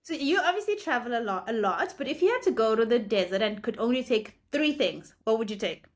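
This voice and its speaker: A woman with a fairly high-pitched voice hosts an interview show. She asks light, playful icebreaker questions and encourages her guest to keep talking. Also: expressive, fairly quick. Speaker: host. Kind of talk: casual interview conversation.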